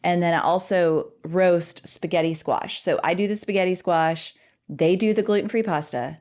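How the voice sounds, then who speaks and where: A woman's voice: fairly low pitch, steady tone, moderate pace, darkish tone. A middle-aged woman co-hosting a podcast, chatting casually with her husband, rambling and laughing often. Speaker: podcast co-host.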